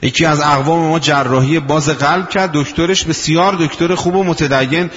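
Older preacher in an echoing hall. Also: male voice, on the high side, steady tone, fairly bright tone. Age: 60s. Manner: unhurried storytelling, slows for quoted sayings. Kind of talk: sermon. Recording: dull lo-fi recording in a reverberant hall.

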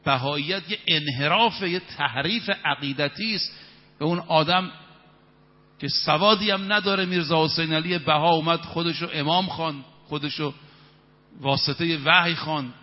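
A man in his fifties preaching an evening sermon, speaking emphatically and reciting verses in Arabic. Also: a little high. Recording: reverberant, dull hall sound.

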